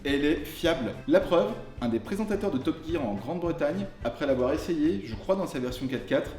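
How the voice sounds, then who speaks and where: A man's voice: on the high side, expressive, brisk, a little mellow. A man presenting a car review in a casual, colloquial, tongue-in-cheek way. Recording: roomy echo with music underneath. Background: music.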